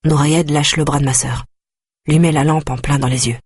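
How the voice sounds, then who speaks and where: A man narrating a dark first-person audiobook in a grave, quietly intense manner. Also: fairly high pitch, fairly even intonation, moderate pace, breathy edge, no room sound, studio quality.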